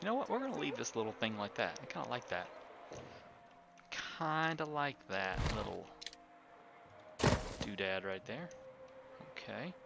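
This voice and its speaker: This livestreamer plays a building game, relaxed and chatting with viewers while muttering to himself as he builds. His mid-range voice is creaky and measured, broken by long pauses, and the recording is very noisy.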